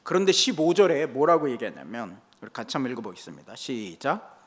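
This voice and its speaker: A man's voice: medium pitch, sing-song, fairly quick, crowd noise. An older male pastor preaching a Sunday sermon, emphatic and repeating key phrases for weight. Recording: reverberant church hall.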